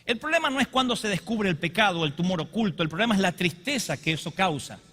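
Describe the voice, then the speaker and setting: A man's voice: high-pitched, expressive, quick pace, pushed and bright. A man preaching a sermon to a congregation, impassioned and confessional, who often acts out quotes. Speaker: pastor. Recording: long reverb of a large hall.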